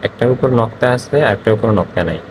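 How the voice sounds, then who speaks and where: A man teaching the Quran, slowly sounding out each Arabic letter, repeating it and asking and answering his own questions. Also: on the low side, slight background noise, poor audio. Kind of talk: slow classroom lesson on letter pronunciation.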